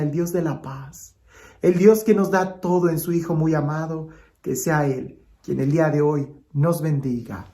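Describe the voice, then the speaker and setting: Slow and dramatic, an Advent homily from a priest with a fairly high male voice shifts from emphatic statements to hushed passages.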